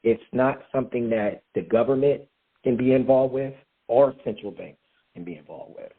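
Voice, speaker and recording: A man's voice: mid-range voice, normal speed, slightly rough. A man speaking as a guest on a call, explaining steps in an emphatic way and answering his own rhetorical questions. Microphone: phone call. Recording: tinny phone line.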